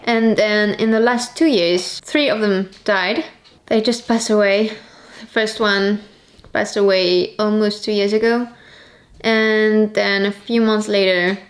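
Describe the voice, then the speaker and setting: A young adult woman, chatting casually as a vlogger. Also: mid-range voice. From Switzerland. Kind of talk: casual vlog chat.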